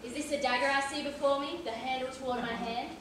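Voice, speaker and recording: In an amateur stage play, a woman plays a pompous, condescending male police inspector who interrogates people, sounding patronising throughout. Her high, slightly bright voice keeps a fairly even intonation and moves fast. A far audience camera picks her up on a large indoor theatre stage, so the audio is distant, echoey and noisy.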